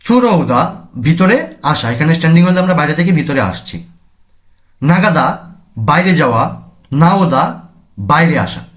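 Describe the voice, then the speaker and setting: Slow patient male language teacher. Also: on the high side, big pitch swings. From Bangladesh. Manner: slow, repeats each word and its meaning. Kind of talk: classroom lesson explanation.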